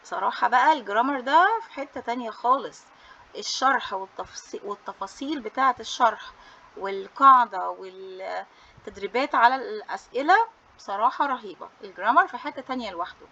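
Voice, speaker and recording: A woman's voice: a little high, expressive, fast, creaky, bright, forceful tone, highs cut off. A woman English teacher with an Egyptian Arabic accent, reviewing a study booklet for pupils in a cheerful, coaxing way, dropping English terms into her Arabic. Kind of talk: book review for students.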